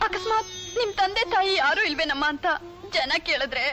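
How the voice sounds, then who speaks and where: A woman's voice: very high voice, animated, a little fast, sharp tone, exaggerated voice. An actress playing a grieving daughter who pleads with her father in a reproachful, tearful voice. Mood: pleading. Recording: film soundtrack with music under. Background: film score music.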